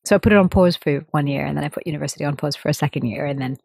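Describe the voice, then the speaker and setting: A woman in her thirties, a musician, answering interview questions in a thoughtful, measured way and laughing easily. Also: deep voice, vocal fry, darkish tone, husky, no echo, studio quality. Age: 30s. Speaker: interview guest, sitar player. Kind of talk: relaxed conversational interview.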